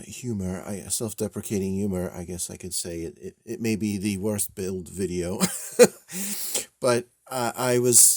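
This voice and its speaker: Low, mellow-voiced man chatting about models. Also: dry recording, studio quality. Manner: rambling, self-deprecating, many fillers and chuckles; slightly stiff, robotic delivery. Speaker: scale model builder and channel host. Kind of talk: casual build video narration.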